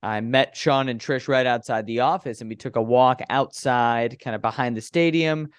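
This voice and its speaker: A young man in his twenties tells stories from his broadcasting work with animated, chatty energy. His voice sits in a middle register and sounds dry and close on a studio podcast mic. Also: mid-range voice, moderate pace, clean tone, no room sound. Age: 20s. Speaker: baseball broadcaster, guest. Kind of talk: conversational interview.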